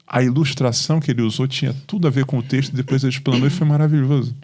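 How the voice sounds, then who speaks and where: A man's voice: mid-range voice, rapid-fire. A Brazilian man, a pastor, speaking in a podcast conversation, telling stories with animation and acting out the dialogue. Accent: Brazilian Portuguese. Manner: animated storytelling, acts out dialogue.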